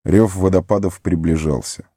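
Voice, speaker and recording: Male audiobook narrator, very low and mellow, dry close recording, measured delivery. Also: steady tone, dry recording. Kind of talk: storytelling narration.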